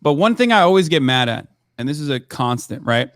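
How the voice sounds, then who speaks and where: A man's voice: medium pitch, sing-song, brisk, no room sound, studio quality. A man who grew up in Turkey, a commentator debating on a live stream, hesitant with many fillers and restarts, swearing now and then.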